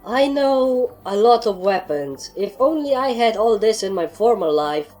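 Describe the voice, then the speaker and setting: A woman voicing an excitable, gun-loving female pony soldier in a fan story reading, high and whiny when excited. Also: unhurried, soft background music. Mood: defensive.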